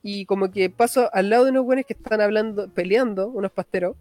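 A young man with a Chilean accent telling a story in casual chat, slangy and quick, with a tag at the end of every phrase. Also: high-pitched, a little mellow. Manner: fast slangy storytelling, frequent "cachai" tags.

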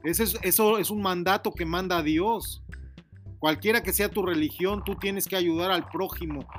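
A man gives his daughter fatherly advice in an earnest, preachy way, lecturing her. His voice sits high for a man. Soft music plays faintly behind him. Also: normal speed. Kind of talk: casual heart-to-heart talk.

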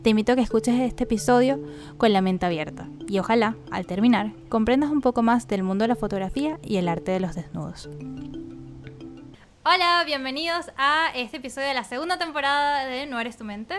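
A woman's voice: on the high side, expressive, a little fast, soft background music. A woman hosting a podcast, introducing and interviewing a guest in friendly, casual talk, laughing often. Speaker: podcast host.

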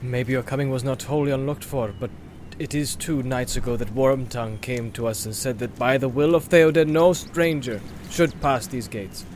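A man's voice: mid-range voice, fairly even intonation, moderate pace, hardly any pauses, a little mellow, slight background noise, lightly acted. A man voicing a proud, suspicious male gate guard who questions in a formal way.

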